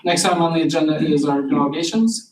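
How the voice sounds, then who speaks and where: A man's voice: fairly high pitch, fast. A man acting as board chair, speaking formally as he moves through meeting procedure. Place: public board meeting room. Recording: echoey distant meeting room microphone, noisy.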